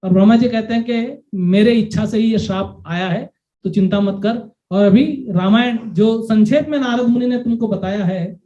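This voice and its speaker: A man's voice: sits high, moderate pace, warm tone. A man giving a devotional lecture who keeps asking the audience questions and mixes English phrases into his Hindi. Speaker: lecturer on scripture. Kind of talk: devotional lecture with sung verses. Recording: dull lo-fi recording.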